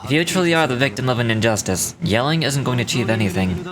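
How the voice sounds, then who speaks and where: A man plays a calm, authoritative official in a video game. He speaks in a measured way, with a crowd clearly behind him. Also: medium pitch, lightly acted, rough recording. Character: composed, authoritative male official.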